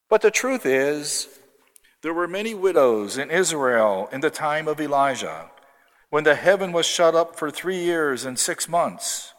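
A man's voice: on the high side, fairly bright tone. A man, a clergyman, giving a formal liturgical Gospel reading in a large church with cathedral echo.

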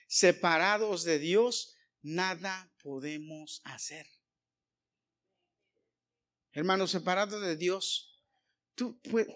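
Emphatic preacher man. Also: high-pitched. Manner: emphatic, swings between loud calls and hushed lines; addresses congregation directly with rhetorical questions. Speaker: pastor. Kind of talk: sermon.

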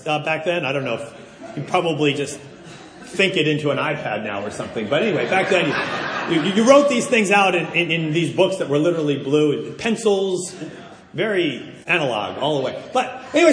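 Middle-aged pastor preaching, high voice, lively self-mocking storytelling, big echoey church hall. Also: male voice. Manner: animated self-deprecating storytelling. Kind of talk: sermon. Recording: roomy hall reverb.

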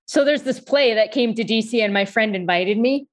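A woman with a New York accent hosts a casual podcast, talking fast and with lots of animation. Her voice sits a little high, and she breaks into laughter often. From United States. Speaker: podcast host.

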